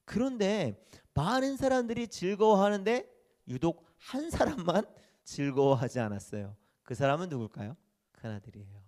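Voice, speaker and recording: A man's voice: sits high, very animated, normal speed, a little mellow. A male pastor preaching a sermon, telling a story and acting out the characters' voices, asking the congregation questions and answering them himself.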